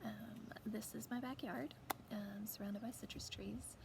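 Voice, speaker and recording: A woman's voice: mid-range voice, fairly even intonation, a little slow. A woman chatting casually to viewers, over-enunciating her words to keep the mountain twang in check. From rural mountains of the United States. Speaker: author and host. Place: outdoors in a backyard. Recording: clear outdoor background noise.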